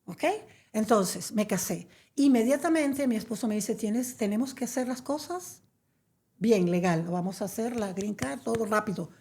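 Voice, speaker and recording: Gravelly, mellow-voiced middle-aged woman. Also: a little high, normal speed. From Venezuela. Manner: chatty, warm storytelling with many fillers. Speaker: interview guest. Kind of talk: conversational interview.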